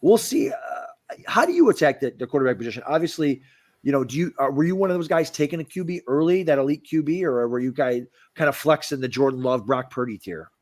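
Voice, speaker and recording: A man co-hosting a fantasy football podcast in casual banter, excitable and often stammering and repeating words. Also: mid-range voice, fast.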